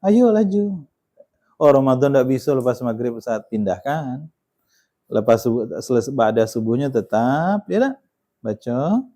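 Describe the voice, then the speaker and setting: A man's voice: medium pitch, mellow. A man giving a Quran study sermon in a conversational way, often ending points with tag questions and pressing them with emphasis. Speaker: Islamic preacher.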